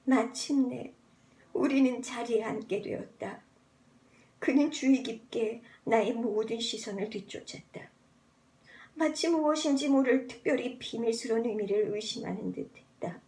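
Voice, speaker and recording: A woman's voice: on the high side, measured pace, a little mellow. A woman reading a novel aloud as an amateur narrator, theatrically, practicing an altered voice. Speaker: amateur audiobook reader practicing voice changes. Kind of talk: expressive literary narration, voice-acting practice.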